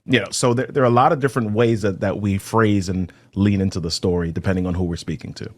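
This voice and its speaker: A man from Jamaica, a guest on a podcast, talking about storytelling in a brisk, animated way and explaining his points with examples. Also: lowish voice, no room sound. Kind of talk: conversational interview.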